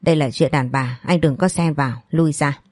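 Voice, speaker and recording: A woman's voice: low-pitched, moderate pace, a little mellow, dry recording. A woman voicing a spiteful, scheming young woman who sneers and insults her rival.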